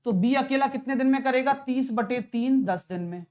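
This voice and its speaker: A male math teacher talking a live online exam-prep class through problems, brisk and coaxing, calling viewers brother and dear. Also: extremely high pitch, a little mellow. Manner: brisk, coaxing, chatty, mixes English terms, calls viewers brother and dear.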